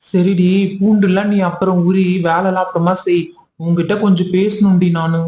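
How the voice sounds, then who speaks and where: A man's voice: high voice, level tone, moderate pace, dark tone, slight background noise, close to an everyday voice. Man playing a doting, coaxing husband. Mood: fond. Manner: fond, coaxing, calls her pet names. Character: doting husband, affectionate, pushy about family. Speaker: husband in a domestic skit. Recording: echoey, dull room recording.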